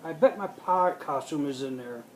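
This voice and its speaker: A woman voicing a cheerful young male cartoon mouse, with quick, eager exclamations. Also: sits low, animated, a little mellow, slight background noise, pitched below the performer's own voice, rough recording.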